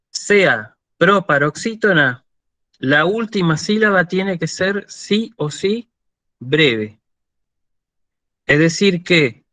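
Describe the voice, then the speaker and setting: Slow-talking Argentine man lecturing. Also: fairly high pitch, pushed and bright, dry recording. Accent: Argentine Spanish. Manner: patient, checks in with frequent "¿sí?". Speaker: university lecturer. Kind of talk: online lecture. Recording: dull lo-fi dry sound.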